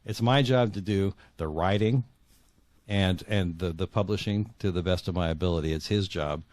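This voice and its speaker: Speaking as an interview guest, a middle-aged man with a deep, low and slightly mellow voice responds earnestly, pausing and repeating himself as he thinks through his answers. He is recorded close up with a dry sound.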